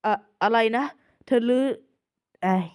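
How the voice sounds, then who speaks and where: A woman's voice: mid-range voice, a little slow, a little mellow, clean tone, voice pushed down, natural voice. A woman voicing a wounded, defensive young man. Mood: agitated. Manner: defensive, agitated. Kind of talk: manga recap voice acting.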